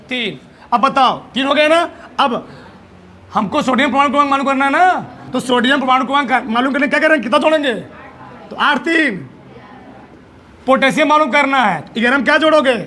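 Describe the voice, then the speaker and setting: A man's voice: very high voice, sharp tone, a little hiss or hum. A male teacher giving a lecture, asking questions and answering them himself, repeating each answer to drill it in. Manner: quizzing, asks then answers his own questions; emphatic, drills answers by repetition. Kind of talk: classroom lecture.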